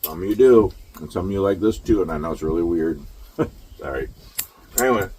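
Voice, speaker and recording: Chatting on his phone camera beneath a shelter as rain falls, a truck driver in his late fifties keeps a casual vlog going. He is brisk and animated, his low-pitched voice warm, and he rambles easily and chuckles often; the sound is slightly rough.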